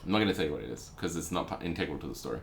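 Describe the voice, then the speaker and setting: A man's voice: very deep voice, animated, rapid-fire. A man co-hosting a podcast, rambling and laughing through a casual anecdote. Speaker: podcast co-host. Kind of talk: casual chat.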